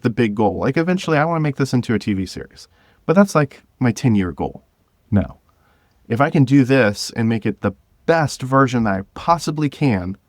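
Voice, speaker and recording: A man with a mid-range voice, recorded in studio quality with no room sound, talks as a podcast guest. He's the creator of a video podcast drama, and he chats casually yet earnestly in an interview, rephrasing his thoughts as he goes.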